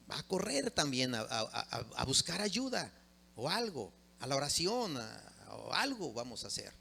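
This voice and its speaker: A middle-aged man preaching a sermon, swinging from loud emphatic peaks to low, quiet drops. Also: very animated, takes it slowly, creaky, breathy edge. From Mexico.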